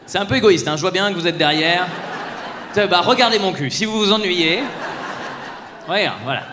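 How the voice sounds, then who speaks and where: A man doing casual stand-up, chatting and swearing with a live audience and slipping into quick impressions. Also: high-pitched, background noise. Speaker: stand-up comedian. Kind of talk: live stand-up crowd work. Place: theatre stage. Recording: roomy hall sound, faint crowd ambience.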